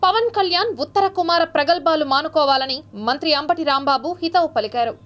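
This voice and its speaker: A woman reads the news at a quick clip. Her voice sits very high and sounds bright and crisp, with a brisk, even newsreader delivery. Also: slight background noise. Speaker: news anchor. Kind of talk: scripted news reading.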